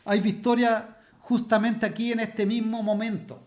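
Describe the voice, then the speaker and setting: A man preaching a Bible study sermon as pastor. He asks rhetorical questions, and he slows down and stresses the words when he reads scripture. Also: sits high, flat delivery.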